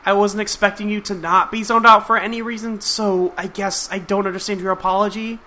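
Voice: mid-range voice, fairly even intonation, fairly quick, pushed and bright, voice pushed up, lightly acted. A reader voicing a timid young male troll who talks hesitantly and stammers politely.

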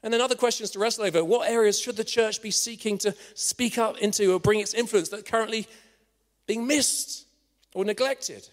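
A man preaching a sermon in an earnest manner, at times dropping to a hushed storytelling voice. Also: high voice. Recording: long reverb of a church hall.

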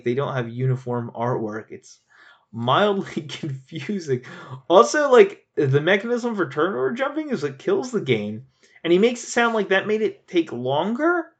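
A man chatting casually as a board game reviewer, animated and laughing, rambling with frequent restarts. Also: on the high side, dull audio. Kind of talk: casual chat.

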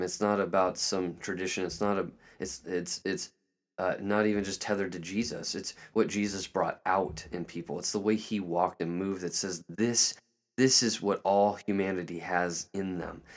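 A man hosting a podcast, talking earnestly and reflectively about faith, searching for words with frequent restarts and fillers. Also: sits low. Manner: emotional, tearing up at moments. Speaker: podcast host. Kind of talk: reflective spiritual talk.

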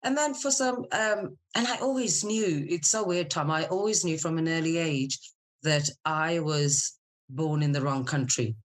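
A middle-aged Scottish woman with a low voice appears as a podcast guest; she is a military spouse and business owner. Casual and candid, she speaks in an unhurried, chatty way that suits telling personal stories.

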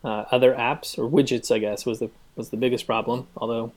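A man chatting on a podcast as a guest, halting and full of ums and uhs, with a dry sense of humor, recorded in a cabin. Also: mid-range voice, fairly even intonation, a little mellow. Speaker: guest app developer. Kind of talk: casual podcast chat.

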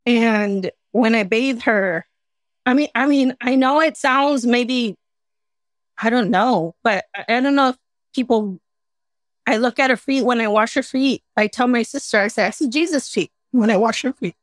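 A woman who grew up on the California-Mexico border speaks in a slightly high voice in a dry, close recording. She talks with deep feeling, repeating words as she gathers her thoughts. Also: a little slow, no echo. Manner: emotional, repeats words, quotes others. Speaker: guest. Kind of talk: personal interview.

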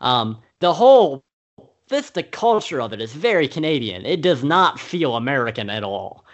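A man's voice: medium pitch, sing-song, moderate pace, highs cut off. A man co-hosting a film podcast, talking casually and rambling with many fillers and restarts. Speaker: podcast co-host. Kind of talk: casual film-review chat.

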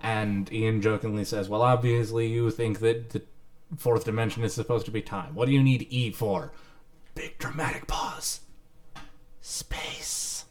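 A man's voice: on the low side, fairly even intonation, moderate pace, a little mellow. A young man co-hosting a podcast in casual chat, joking and retelling plot. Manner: joking, storytelling. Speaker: podcast co-host.

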